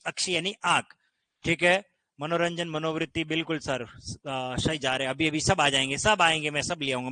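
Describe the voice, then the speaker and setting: A man's voice: a little high, pushed and bright, no echo. A man teaching grammar in an online exam-prep lesson, explaining patiently and often checking that students follow. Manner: explains patiently, keeps asking "ठीक है?".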